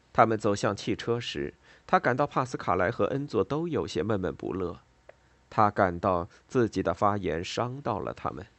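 A man narrating an audiobook novel in an expressive, steady storytelling manner. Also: on the low side, vocal fry, no room sound.

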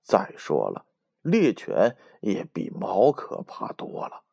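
A man doing a low, muttering suspicious fox. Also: wildly swooping pitch, takes it slowly, creaky, darkish tone, slightly rough, exaggerated voice. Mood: grumbling. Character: suspicious, grumbling male fox.

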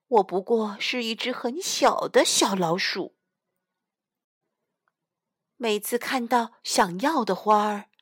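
A woman reading a children's picture book aloud in the first person as a little mouse, slow, gentle and expressive, recorded close up. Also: medium pitch, dry recording. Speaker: storyteller mother.

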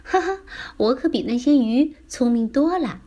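A woman voicing an excitable little boy who chants eagerly while he fishes, in a children's story reading. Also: high voice, moderate pace, voice pushed up.

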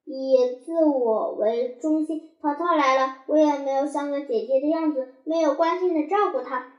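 A woman's voice: high voice, moderate pace, a little mellow, dull audio, close to an everyday voice. A woman voicing a sulky little girl who feels unloved and pleads tearfully with her parents. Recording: roomy echo.

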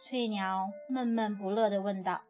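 A woman reads a children's picture book aloud with expressive storytelling. Her voice is mid-range at a normal speed, with faint music playing behind her.

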